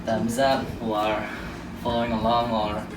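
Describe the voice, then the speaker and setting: A man's voice: on the low side, completely flat delivery, a little slow, background noise. A young man from Malaysia chatting casually with viewers between training sets on a live stream. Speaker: fitness streamer. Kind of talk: live-stream workout chat. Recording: roomy, distant mic, loud music behind. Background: loud music.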